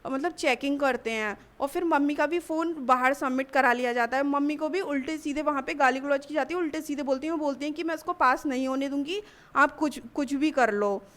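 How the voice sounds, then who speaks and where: High-voiced young woman recounting haltingly. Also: fairly even intonation, fairly bright tone. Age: young adult. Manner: halting, with frequent restarts. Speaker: college student giving testimony. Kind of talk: personal account in a news interview.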